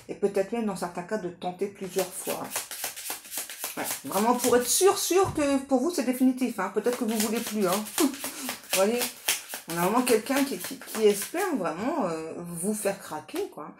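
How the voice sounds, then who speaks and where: A woman giving a casual, improvised tarot reading straight to the listener, halting and repetitive, often adding little tag words for agreement. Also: mid-range voice. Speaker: tarot card reader hosting a guidance channel. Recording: echoey room with faint background noise.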